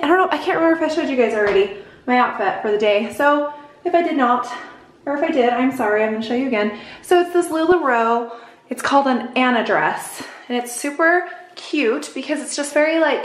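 A woman's voice: high voice, roomy sound. A woman vlogging casually at home, chatting and gushing about clothes. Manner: chatty, gushing, coos at the kids. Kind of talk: casual vlog chat.

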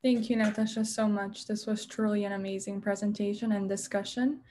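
A young woman with a Macedonian accent hosts a webinar in a flat, even intonation. Her voice is soft-edged and mellow, with some background noise on the video call. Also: mid-range voice, fairly quick. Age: young adult. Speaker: webinar host. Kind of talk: hosting, scripted announcements.

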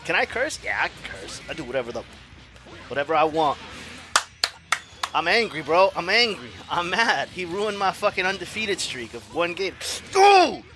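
High-voiced gamer dude hyping his own match, cussing a lot, swings up and down. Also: moderate pace, music in the background. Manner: excitable trash talk with swearing and shouts. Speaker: gaming streamer. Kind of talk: live gameplay commentary.

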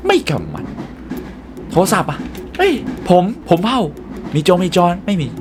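A young man hosting a gaming channel, excitedly commenting on a puzzle game and talking to his viewers. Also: sits high, a little slow, background noise. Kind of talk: let's play commentary.

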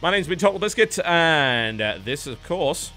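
A British male esports caster with a bright, forceful voice, rattling through upcoming matchups with hyped energy. Faint music plays underneath him. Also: a little high, big pitch swings, normal speed. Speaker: esports caster and show host. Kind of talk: post-match commentary wrap-up.

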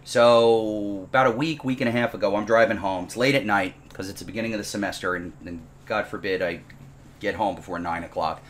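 A man's voice: fairly low pitch, a little fast, a little hiss or hum. A man teaching a programming class from his home, telling a funny story in a casual, exaggerated, self-mocking way. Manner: animated, comically exaggerated, self-deprecating. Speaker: programming instructor. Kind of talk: casual storytelling before a lesson. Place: at home, dining room table.

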